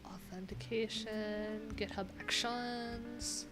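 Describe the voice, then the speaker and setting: A woman in her thirties, a web developer, hosts a casual live coding stream from an indoor room, playful and thinking aloud in fragments. Her voice is on the high side, with fairly even intonation and a slow pace. Guitar music plays in the background.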